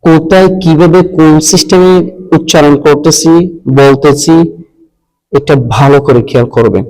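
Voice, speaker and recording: A man teaching Quran reading, spelling out each letter and vowel, then blending and repeating syllables slowly. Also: a little high, a little mellow. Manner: repeats syllables and tells listeners to pay attention. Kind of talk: slow spelled-out recitation lesson. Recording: long reverb.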